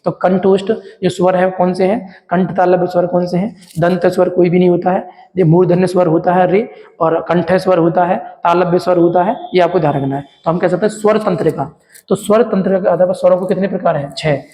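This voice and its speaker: Guy with a high mellow voice teaching hindi for exams, keeps asking and answering his own questions, room has a long echo. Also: steady tone, fairly quick. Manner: repeats each term as a question and answer to students; addresses viewers as friends, explains with a diagram. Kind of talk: exam-prep lesson.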